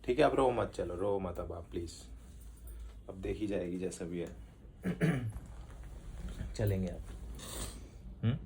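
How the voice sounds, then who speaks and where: A man speaks in a family vlog recorded indoors at home. His voice sits low and mellow, and he talks in a soothing, gently pleading way. Faint background noise runs under it. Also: moderate pace, long pauses. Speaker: vlogger, father.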